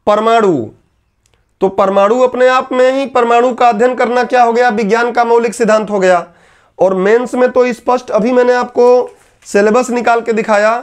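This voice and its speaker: A man with a very high voice teaching an exam-prep class. He explains each point step by step, often asking a question and then answering it himself. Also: steady tone, moderate pace.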